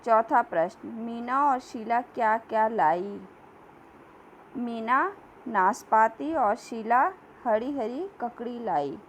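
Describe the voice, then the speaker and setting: A woman teacher giving a slow classroom lesson, reading questions and answers aloud and repeating words for young pupils. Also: on the high side, animated, a little hiss or hum, low-quality recording.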